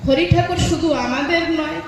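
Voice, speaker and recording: A woman's voice: extremely high pitch, steady tone, moderate pace. A woman telling a devotional story at a live religious festival in a sing-song, dramatic, preacherly manner, heard from far off in an echoey hall with faint noise behind.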